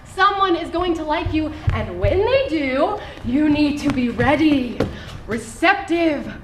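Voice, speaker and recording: Playing Isabella, an earnest, romantic woman recalling her youth, an actress performs live on an indoor theatre stage with theatrical, projected delivery. Her high voice is animated and slow, while the mood is brisk and persuasive. The recording is distant from the microphone, echoey, with faint noise.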